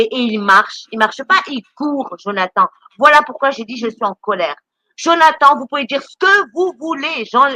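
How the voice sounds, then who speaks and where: Bright high-voiced woman stammering angrily. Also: no echo. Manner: stammering, repeats words; indignant, scolding. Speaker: charity volunteer speaking on a live stream. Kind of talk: impassioned live-stream rant.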